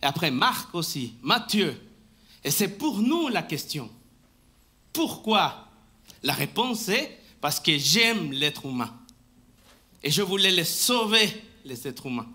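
Male pastor, church sermon, slow deliberate delivery, very bright and piercing tone. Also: a little high, big pitch swings. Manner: slow, emphatic preaching with frequent restarts; talks to the congregation and asks for the next slide. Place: church sanctuary, indoors.

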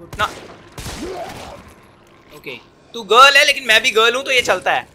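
A young man giving casual, jokey let's-play commentary, excitable and talking back at the game. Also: very high-pitched, normal speed, slight background noise. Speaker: gaming commentator.

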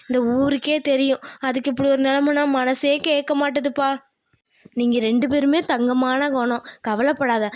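A woman's voice: high voice, no echo, lightly acted. A woman voicing a kindly village woman who runs a food stall, motherly and consoling.

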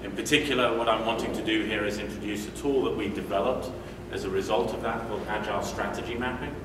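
Speaking quickly in a lowish, steady voice, this UK man in his forties delivers a conference talk peppered with fillers and false starts. The setting is a medium-sized indoor hotel meeting room. The sound comes from a room microphone at a distance, leaving it noisy and full of echo.

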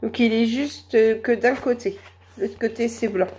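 A woman with a cold and a hoarse voice, chatting slowly and hesitantly through a shopping haul. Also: a little high, fairly even intonation, darkish tone, slight background noise. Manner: hesitant, many fillers, slow and chatty. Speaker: vlogger. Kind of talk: casual shopping haul vlog.

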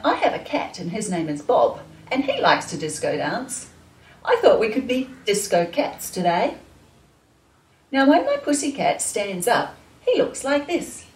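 A woman leading a children's dance class, talking to young kids in a slow, sing-song, encouraging way. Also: mid-range voice. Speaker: children's dance and gym teacher. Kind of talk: leading a kids' movement class. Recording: echoey room, voice from far off, faint music.

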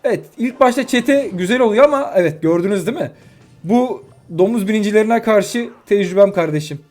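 A young man giving live commentary on his own mobile game matches, excitable and quick to vent frustration at his opponents. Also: high voice. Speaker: gaming YouTuber. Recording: faint music behind.

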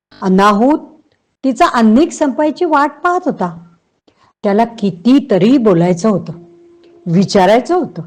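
A woman reading a novel aloud with measured, expressive storytelling. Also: mid-range voice. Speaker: reader.

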